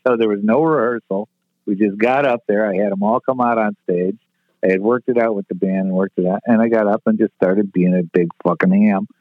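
A man's voice: fairly low pitch, steady tone, a little fast, no room sound. Brash older man on a tinny line. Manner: brash, profane storyteller. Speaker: podcast guest, retired stage manager. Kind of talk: casual storytelling interview. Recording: tinny phone-like line, dry.

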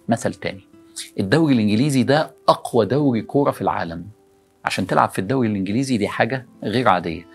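Brief: Egyptian male preacher, quick delivery, animated rhetorical questions, faint music underneath. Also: fairly low pitch, vocal fry. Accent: Egyptian Arabic. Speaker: preacher addressing young people. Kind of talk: motivational religious talk.

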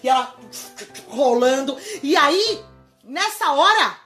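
Animated woman telling a kids' story. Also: sits high, slow, faint music behind. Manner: animated, talks to the audience. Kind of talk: children's storytelling. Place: at home.

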